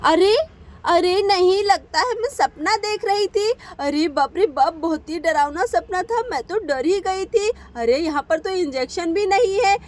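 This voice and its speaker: A woman voicing a frightened aunt in a doll cartoon, begging and panicky, with a high voice. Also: measured pace. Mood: relieved. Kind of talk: Hindi doll-story voice acting.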